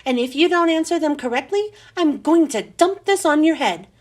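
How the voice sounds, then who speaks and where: A woman's voice: sits high, lively intonation, moderate pace. A woman reading a children's book aloud, voicing a snappish, unhinged female schoolteacher with a barking, scolding delivery. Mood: menacing. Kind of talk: storybook read-aloud.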